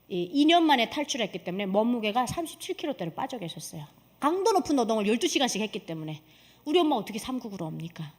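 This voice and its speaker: Woman, church testimony, emphatic, fairly high voice, lively swooping pitch. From North Korea. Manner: animated and emphatic, with rhetorical questions to the congregation. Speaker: guest giving a testimony in church.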